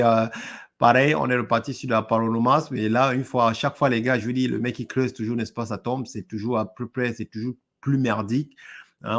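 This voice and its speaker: A man's voice: mid-range voice, fairly bright tone. A man giving a scornful, sarcastic spoken review of rap lyrics, with frequent hesitations and pointed asides. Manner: scornful, sarcastic, leans on "n'est-ce pas" and hesitant fillers.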